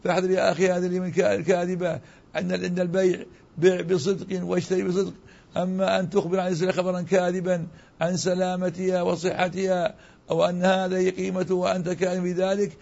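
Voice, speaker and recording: High-voiced, creaky older male religious scholar. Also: monotone, a little mellow. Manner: halting, repeats and restarts phrases. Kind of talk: religious ruling with quoted scripture. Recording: dull lo-fi broadcast audio.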